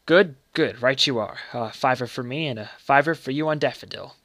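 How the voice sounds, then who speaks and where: A man's voice: mid-range voice, fairly quick, a bit bright, no room sound. A man voicing a jovial, teasing uncle in a story, hearty and amused in manner. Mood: curious.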